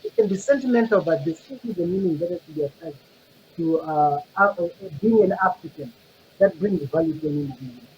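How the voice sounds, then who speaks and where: A man on a discussion panel, speaking in a reflective, halting way. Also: a little high, animated, a little mellow, slight background noise, low-quality recording.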